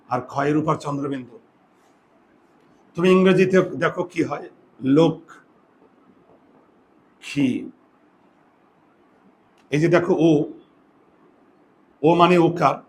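A man teaching a grammar lesson from the board, his voice sitting a little high for a man. He explains step by step and keeps checking that the class understands, with faint noise behind him. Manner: explains step by step, often asks if students follow.

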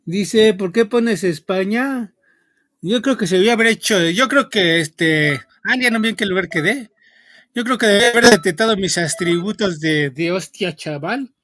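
A man from Mexico with a Mexican accent, chatting to viewers while he plays, rambling, filling every pause with "este" and swearing at the game in bursts. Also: high-pitched, dry recording. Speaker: gaming streamer. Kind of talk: casual gameplay commentary to viewers. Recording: loud game music under the voice. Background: game music.

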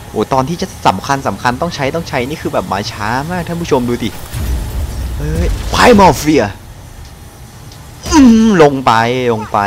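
Excitable man with a lively voice. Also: medium pitch. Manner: excitable, shouts and laughs often. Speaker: gaming YouTuber. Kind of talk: excited let's-play commentary.

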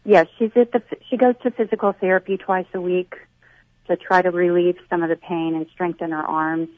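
A woman's voice: lowish voice, steady tone, normal speed, no room sound, narrow, tinny audio. A middle-aged woman calling in to a show with a question. She comes through on a patchy call line that breaks up, and she talks hesitantly and apologetically, with many ums. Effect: calling in over a patchy call line that breaks up. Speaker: caller.

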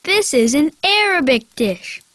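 A woman voicing a cheerful young friend in a scripted textbook dialogue, bright and upbeat. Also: high-pitched, sing-song, slow pace, slight background noise, exaggerated voice.

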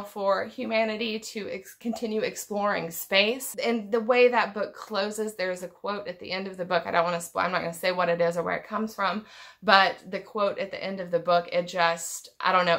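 A book vlogger in her thirties films an unscripted book tag vlog at home, in a room packed with bookshelves. Her fairly low voice is bright and forceful. She's thoughtful and rambling, often restarting her sentences.

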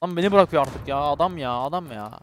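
A young Turkish-accented gamer commentates his shooter play in a fairly high voice at a quick pace, cursing, joking with teammates and pleading for subscribers. The recording is very noisy.

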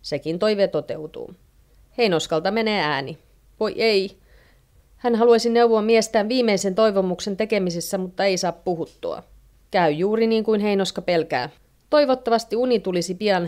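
A woman narrating a storybook with a steady, plain reading. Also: mid-range voice.

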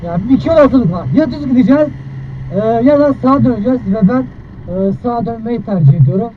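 A man's voice: very high-pitched, animated, fast talker. A man chatting casually and in a rambling, colloquial way as a motovlogger, talking inside a helmet while riding. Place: inside a helmet, outdoors on a moving motorcycle. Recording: muffled inside a helmet, loud engine and road noise.

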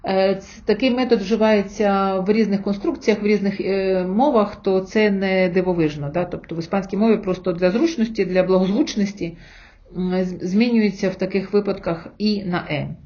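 A woman with a mellow, warm tone teaches a language lesson to her viewers. She goes patiently through sounds and example words. The sound is a little dull and lo-fi. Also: mid-range voice, steady tone, normal speed. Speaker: Spanish teacher.

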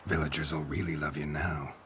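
A man's voice: level tone, a bit bright, a little hiss or hum. An actor playing a stoic, middle-aged male monster hunter in a video game, speaking tersely and dryly. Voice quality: deep gravelly. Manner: terse, dry, unhurried. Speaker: witcher protagonist.

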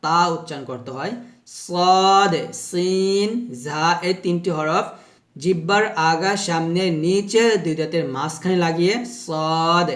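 Slow, patient male recitation teacher. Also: a little high, fairly bright tone. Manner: slow, repetitive teaching, demonstrating each letter sound aloud. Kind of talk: explaining Arabic letter pronunciation.

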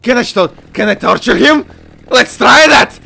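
A man giving excitable let's-play commentary, yelping and repeating words in mock panic. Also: very high-pitched, normal speed, vocal fry. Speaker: gaming channel host.

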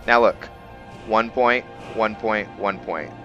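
On dull-sounding audio with game music in the background, a man with a lowish, sharp-toned voice speaks slowly. He's a gaming host doing casual let's-play commentary, reasoning aloud as he decides what to do.

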